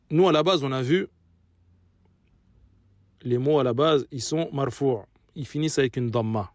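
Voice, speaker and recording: A man's voice: mid-range voice, a little mellow, no room sound, studio quality. A man teaching an Arabic revision lesson in French, patiently repeating each Arabic example.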